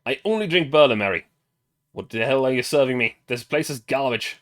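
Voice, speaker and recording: A German-accented man voicing an angry drunk bar customer, loud and complaining, over faint music. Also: medium pitch, expressive, brisk, natural voice.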